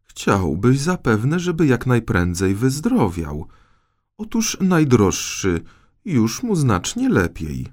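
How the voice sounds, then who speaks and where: A prim, sharp-tongued queen speaks slowly and firmly, pitched a little above the reader's usual voice, as a male narrator puts her on. She lectures like someone used to having the last word in a storybook court. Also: wildly swooping pitch, exaggerated voice. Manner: firm, lecturing.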